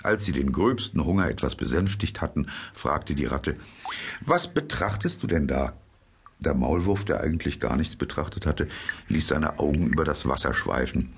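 A man narrating a storybook in an expressive, animated way. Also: a bass voice, moderate pace, gravelly, breathy edge. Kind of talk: storybook reading.

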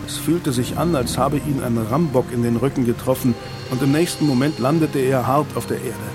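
Brief: male audiobook narrator, mid pitch, steady storytelling, music bed. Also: normal speed. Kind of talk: scripted narration.

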